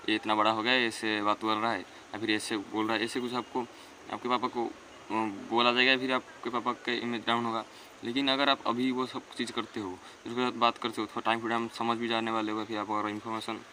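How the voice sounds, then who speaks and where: In a casual, rambling monologue, a teen with a fairly low voice earnestly shares self-improvement advice, often saying the same things twice. The background is noisy.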